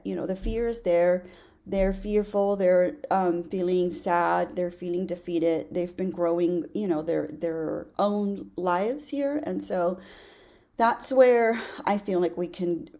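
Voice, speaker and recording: A woman in her late forties talks straight to her podcast listeners in a mellow, rather low voice. She sounds earnest and encouraging, with a loose, chatty flow full of "you know" and repeated words. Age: 40s. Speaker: podcast host. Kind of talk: casual solo podcast talk.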